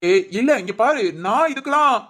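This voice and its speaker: A woman's voice: high voice, expressive, a little fast, bright, forceful tone. A woman voicing a scheming young man in a Tamil cartoon drama, coaxing and defensive. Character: young man, scheming lover faking poisoning.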